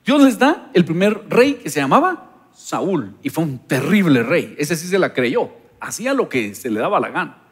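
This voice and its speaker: A male pastor delivering a sermon in a high, lively voice. He keeps the pitch moving up and down as he acts out exchanges between people and God, telling the stories with animation. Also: normal speed, husky, long reverb tail. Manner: animated storytelling, acting out dialogues with God.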